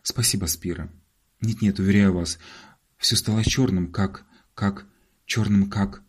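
A man's voice: lowish voice, steady tone, unhurried, slight background noise, lightly acted. A man doing a pompous, theatrical show-off. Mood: dignified. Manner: theatrical, dignified, self-important. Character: pompous, self-dramatizing man.

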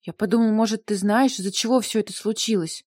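A distraught, tearful young husband spills out his words in an agitated, pleading rush, as a woman reader puts him on. The voice stays mellow and warm at the bottom, and the sound is dry and close, like a small recording booth. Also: mid-range voice, quick pace, breathy edge, dry recording, close to an everyday voice. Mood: flustered. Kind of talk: audiobook character voice.

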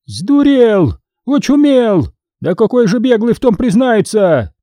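A man's voice: lively intonation, measured pace, warm tone, no echo, studio quality. A man voicing a greedy, widowed old-time noblewoman who shrieks and commands. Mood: shrieking. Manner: shrieking, shrill, imperious.

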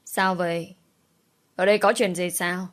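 A woman's voice: little pitch movement, measured pace, fairly bright tone. A woman doing a stern young master. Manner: stern, deep-toned.

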